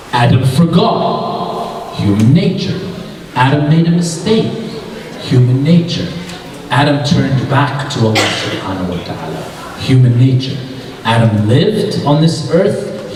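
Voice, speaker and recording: A man's voice: medium pitch, darkish tone, a little hiss or hum. A man giving a religious talk to a young audience, repeating short phrases for emphasis and asking the crowd questions. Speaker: youth conference speaker. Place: large hall with an audience. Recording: echoey hall, speaker far from the mic.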